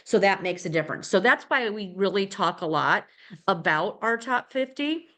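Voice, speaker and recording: A woman's voice: medium pitch, lively intonation, moderate pace, bright, forceful tone. A middle-aged woman leading a casual real estate team training, chatty and rambling, with many fillers and restarts.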